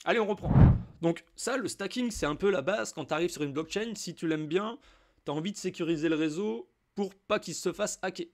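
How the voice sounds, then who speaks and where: Here a high-voiced man talks a little fast as he demos a crypto wallet on screen. He's a French crypto YouTuber with a slight cold, keeping things informal, addressing the viewer as "tu" and dropping in casual asides.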